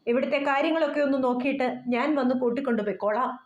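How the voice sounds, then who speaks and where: A woman voicing a composed, practical young man who speaks briskly and reassuringly, in a roomy, dull recording. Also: high-pitched, natural voice.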